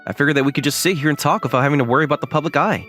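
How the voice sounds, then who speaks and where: A man with a slightly high, somewhat bright voice speaks very fast over soft background music, voicing an earnest, considerate, easily flustered young man in a manga dub. He performs both acted dialogue and first-person narration.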